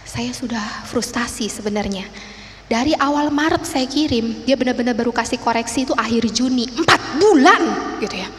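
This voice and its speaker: High-voiced woman preaching in reverberant church. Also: normal speed. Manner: animated, conversational, swings from loud to soft. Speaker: evangelist preacher. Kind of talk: sermon with personal story. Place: church sanctuary. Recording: long church reverb, faint room noise.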